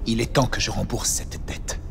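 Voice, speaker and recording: A man's voice: on the low side, fairly even intonation, normal speed, creaky, music in the background. A man playing an earnest, devout convict seeking redemption in a game, speaking with preaching fervour. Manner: fervent, preaching. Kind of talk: dramatic video game acting.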